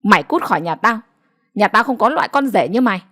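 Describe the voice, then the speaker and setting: A woman voicing an outraged older village father-in-law who shouts and wails for the neighbors in a storybook reading. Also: mid-range voice, lively intonation, quick pace. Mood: furious.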